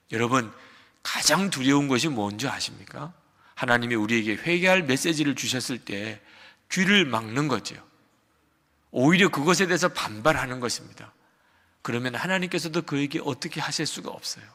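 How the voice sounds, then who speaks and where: An older man preaching a sermon as pastor, moving between loud emphatic peaks and quiet low asides. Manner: acts out a shouting quarrel in quotes. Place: large church sanctuary. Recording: long hall reverb of a church sanctuary.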